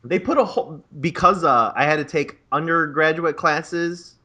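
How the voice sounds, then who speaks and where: A twentysomething man, a graduate student co-hosting a casual podcast, swears his way through an exasperated rant about bureaucracy. His voice is a little high with a sharp tone, at an ordinary pace.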